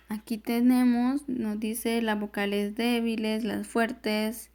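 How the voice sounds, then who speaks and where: A woman's voice: on the high side, darkish tone. A woman with a Honduran Spanish accent, teaching a recorded grammar lesson as a voice-over on slides, patiently explaining step by step.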